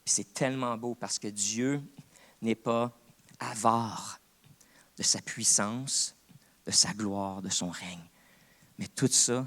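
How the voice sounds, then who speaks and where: A man's voice: lowish voice, fairly bright tone. A man with a Québécois French accent, preaching a sermon as co-pastor in an earnest, conversational way. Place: church.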